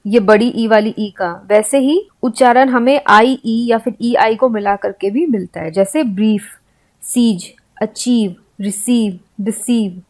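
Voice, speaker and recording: A woman teaching English pronunciation, spelling out letters and example words slowly and deliberately. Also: a little high, a little mellow. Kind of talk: spoken-English lesson.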